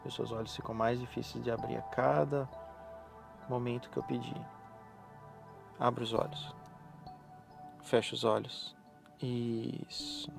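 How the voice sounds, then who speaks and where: Low creaky man guiding hypnotic relaxation. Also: level tone. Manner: slow, soothing, repetitive instructions with pauses. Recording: voice over background music. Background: relaxation music.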